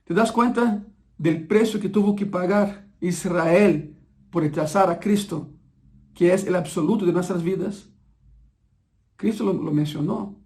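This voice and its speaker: Preacher guy, pretty high voice, hammers points home by repeating them. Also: measured pace, long pauses, warm tone. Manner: emphatic, repeats key phrases for teaching. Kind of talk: sermon.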